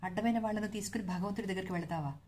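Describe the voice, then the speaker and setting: A woman's voice: medium pitch, rapid-fire, a little mellow, lightly acted. A woman voicing a stern, angry middle-aged elder brother who scolds bluntly in a story reading. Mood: scolding.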